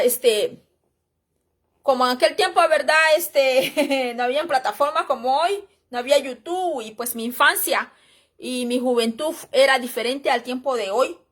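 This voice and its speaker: A woman's voice: sits high, a bit bright. A middle-aged woman gives an informal church history lesson, reading aloud and chatting between passages, often calling her listeners brothers and sisters. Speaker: Bible teacher.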